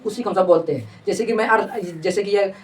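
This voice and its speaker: A woman's voice: mid-range voice, brisk. A woman teacher leading a classroom grammar lesson, asking questions over and over and having pupils repeat answers. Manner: repetitive call-and-response questioning. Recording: voice distant from the mic.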